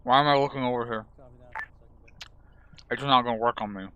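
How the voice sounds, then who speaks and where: A man in casual gaming voice chat with his squad. His voice is middle in pitch with a bright, forceful edge, and he talks like a player in a military game. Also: fairly even intonation, fairly quick, smooth, rough recording.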